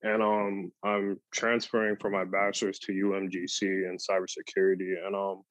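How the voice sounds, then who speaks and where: A young man speaking as a podcast guest in casual chat, relaxed and full of "like" and "um". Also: low voice, normal speed, dry recording. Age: young adult. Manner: relaxed, lots of "like" and "um". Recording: dull lo-fi dry sound.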